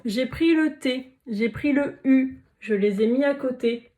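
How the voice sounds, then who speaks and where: A woman teacher leads a phonics lesson for young children, stretching out each letter and syllable so they can be heard clearly. Her voice sits a little high, and she speaks slowly, pausing to praise and encourage the listeners. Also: warm tone. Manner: slow, careful, drawn-out sounding of letters and syllables.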